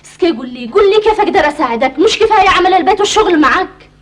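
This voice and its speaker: An actress playing a practical, gently scolding wife in a television drama, questioning and insistent, with a Yemeni accent. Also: female voice, very high voice, lively intonation, racing.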